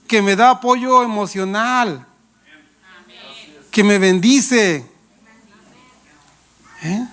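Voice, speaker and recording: A male pastor preaches a sermon full of playful anecdotes and questions for the congregation, laughing as he tells his stories. His voice is high-pitched with a fairly bright tone.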